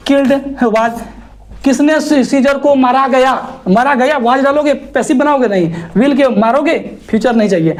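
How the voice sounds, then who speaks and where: This is a male teacher, working through an exam-prep grammar lesson. He talks in a lively, teasing way and throws rhetorical questions that scold his students. He also spells words out letter by letter. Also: extremely high pitch.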